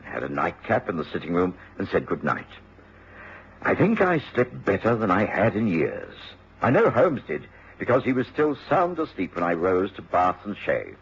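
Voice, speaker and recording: A man playing a genial middle-aged gentleman doctor in a radio drama. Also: sits low, gravelly, exaggerated voice. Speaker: actor and first-person narrator. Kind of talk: radio drama narration and dialogue. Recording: dull, lightly noisy radio recording.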